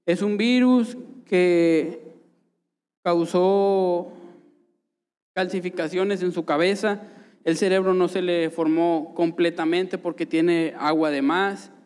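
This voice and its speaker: Mexican guy telling his testimony at church, fairly high voice, long echo in the hall. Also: steady tone, slow pace, a little mellow, clear, resonant tone. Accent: Mexican Spanish. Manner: earnest storytelling, acts out dialogue. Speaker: person giving a church testimony. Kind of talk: emotional personal testimony. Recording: echoey hall reverb.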